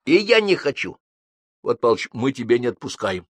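A man's voice: medium pitch, sing-song, moderate pace, no room sound, pitched above the performer's own voice. A male reader voicing a bossy, insistent neighbor in a raised, folksy voice for an audiobook. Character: pushy loud middle-aged male neighbor.

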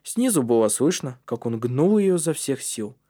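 A man reading a storybook aloud as narrator in a steady, measured way. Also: mid-range voice. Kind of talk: audiobook narration.

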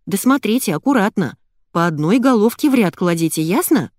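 A woman voicing a bossy, energetic young woman who scolds and gives orders. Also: medium pitch, no echo, studio quality, close to an everyday voice. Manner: brisk, commanding, scolding.

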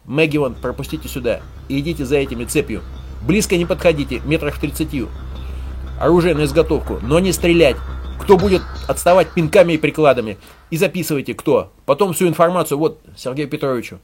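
A reader voicing a calm, scheming male boss giving curt orders. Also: mid-range voice, fast, lightly acted. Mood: cold. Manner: curt, commanding. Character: calm scheming man boss, low-voiced.

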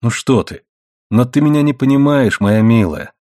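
A man voicing a calm, stubborn young man who takes threats lightly and dryly, in an audiobook reading. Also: mid-range voice, moderate pace, no echo, lightly acted. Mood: wry. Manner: easygoing, dry, laughing off danger.

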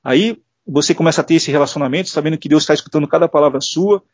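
Interview guest: middle-aged Brazilian man, quick earnest storyteller, slightly high voice, dull dry lo-fi sound. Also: no room sound. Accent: Brazilian Portuguese. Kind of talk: casual interview testimony.

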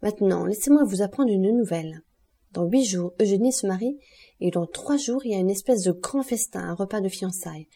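A woman's voice: mid-range voice, dark tone, slightly rough. A woman reading as a feverish frightened young woman. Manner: breathless, quick, forced lightness. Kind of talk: audiobook reading.

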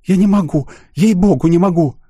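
A man reading an audiobook voices a timid, tearful young woman seamstress, pleading in a breathy, trembling voice. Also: fairly high pitch, animated, normal speed, warm tone, voice pushed up.

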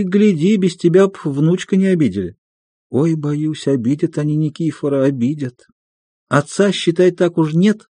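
A man reading an audiobook and voicing a kindly, fretful elderly peasant woman who pleads softly. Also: on the high side, no echo, voice pushed up, natural voice. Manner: pleading, soft-spoken.

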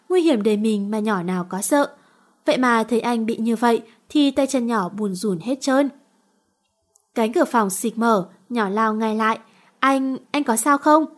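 A woman reading a romance novel aloud in steady storytelling. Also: fairly high pitch. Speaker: narrator.

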